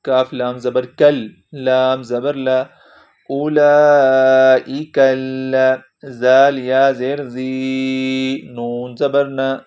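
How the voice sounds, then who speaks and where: A man's voice: medium pitch, flat delivery, darkish tone, clean tone. A man teaching a Quran lesson, spelling each word letter by letter and then blending the sounds together. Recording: dull lo-fi recording.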